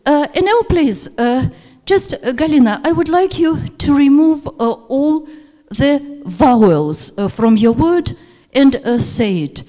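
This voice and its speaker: Dark in tone yet high-pitched and expressive, her voice moves slowly with few pauses. This Russian-speaking teacher trainer leads a workshop lecture, hesitant and full of fillers. Hall reverb marks the seminar-room recording made on a handheld microphone.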